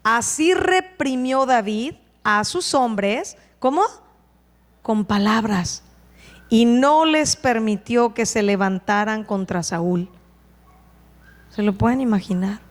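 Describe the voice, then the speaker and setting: Woman preacher, high voice, lively sermon delivery with rhetorical questions, long hall echo. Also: takes it slowly. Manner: animated, asks the congregation rhetorical questions. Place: church hall.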